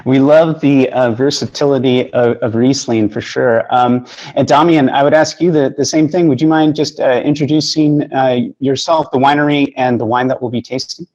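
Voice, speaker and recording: A man's voice: medium pitch, steady tone, normal speed, darkish tone, muffled recording. A man hosting an online tasting, asking his guests questions in a hesitant way full of fillers. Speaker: host.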